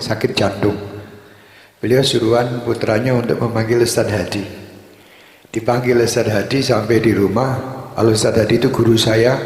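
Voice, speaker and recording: Gravelly-voiced preacher, flat delivery. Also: male voice, medium pitch. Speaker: religious leader and guest speaker. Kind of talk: sermon. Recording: echoey hall.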